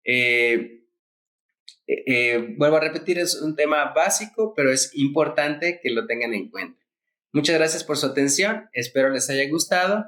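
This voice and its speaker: A man's voice: a little high, expressive, measured pace, fairly bright tone. A man teaching English grammar in Spanish, spelling words letter by letter and repeating the key points. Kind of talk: explaining grammar rules.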